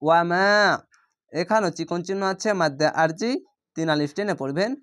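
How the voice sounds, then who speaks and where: A man teaching Quran reading, patiently spelling out each letter and vowel mark and then drawing out the Arabic words slowly. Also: fairly high pitch. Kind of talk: spelling-out Quran recitation lesson.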